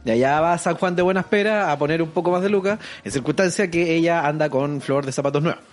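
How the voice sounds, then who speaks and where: A man's voice: fairly high pitch, fast, faint music behind. A man with a Chilean accent co-hosting a casual, profane chat, laughing often.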